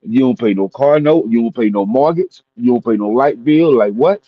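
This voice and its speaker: A man's voice: mid-range voice, normal speed, no echo, phone-quality sound. A man co-hosting a casual talk show, ranting bluntly with profanity and comic exaggeration. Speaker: podcast co-host. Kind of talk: casual chat.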